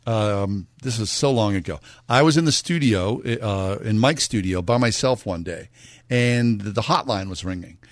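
A man's voice: on the low side, unhurried, no echo. A man chatting casually as a radio show host in a studio.

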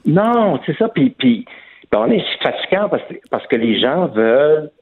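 A man's voice: on the high side, sing-song, normal speed, slightly rough. A man with a Québécois accent, a comedian talking as a guest in an interview, emphatic and often repeating words as he searches for the next phrase. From Quebec. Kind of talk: phone-in interview. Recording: tinny phone line.

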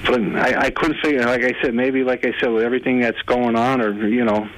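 A man calling in to a radio show, telling an anecdote in a halting, repetitive way. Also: mid-range voice, steady tone, fairly bright tone, a little hiss or hum, poor audio. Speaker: regular radio caller.

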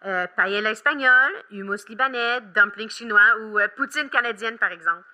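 A woman explaining things to children on a kids' show in a patient, friendly way, pausing with fillers as she looks things up. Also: fairly high pitch, sharp tone. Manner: patient, explanatory, hesitant fillers while searching. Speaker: children's show expert guest.

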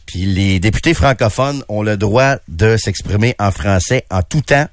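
In a radio studio, a male co-host with a Québécois accent airs strong opinions indignantly and emphatically, frequently restarting his sentences. His voice is lowish and moderately paced, recorded at studio quality with no echo.

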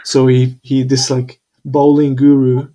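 A man's voice: medium pitch, completely flat delivery, measured pace, warm tone. A young man in casual chat, laid-back and hesitant, with many fillers. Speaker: conversation partner.

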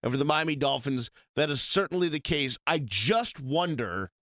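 A man's voice: a little high, dry recording, clean studio sound. A man from Boston co-hosting a sports radio show in a casual, emphatic way. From Boston, USA. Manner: animated, emphatic, quick asides. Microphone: studio microphone.

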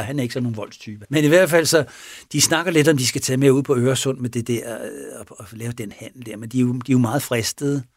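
A man's voice: mid-range voice, no room sound, clean studio sound. A man retelling a crime story in a casual, rambling way, with many restarts.

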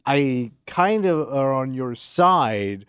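A man's voice: mid-range voice, expressive, slow, a bit bright, clean tone, dry recording. A male radio co-host in casual on-air banter, rambling and hesitant with lots of fillers, on a studio mic.

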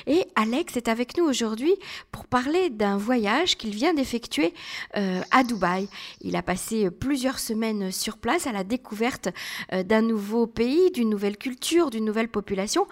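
A woman hosting an interview, introducing and questioning her guest in hesitant phrases with pauses mid-sentence. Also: a little high, animated. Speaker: interviewer, host.

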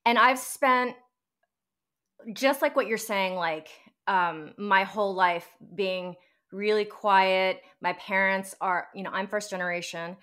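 Woman, heartfelt and emphatic, mid pitch, conversational. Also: takes it slowly, fairly bright tone, clean tone.

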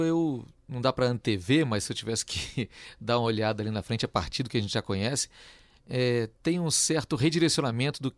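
A man hosting a news podcast, explaining in a measured way with frequent "é" fillers. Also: medium pitch, no room sound. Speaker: podcast host.

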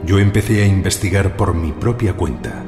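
A man playing a composed, inquisitive neurologist who speaks and narrates deliberately in a period audio drama. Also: deep voice, lively intonation, music in the background. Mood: narrating. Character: middle-aged neurologist, composed, inquisitive, analytical husband.

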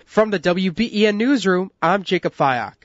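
High-voiced American male radio newsreader. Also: expressive, moderate pace, dry recording. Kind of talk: scripted news reading. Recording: dull, band-limited radio audio.

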